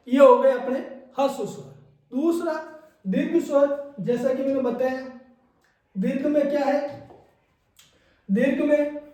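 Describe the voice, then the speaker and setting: A man's voice: extremely high pitch, mellow. A man teaching Hindi grammar as a classroom lecture, repeating key points and checking in with his students. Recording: echoey room, mic far off.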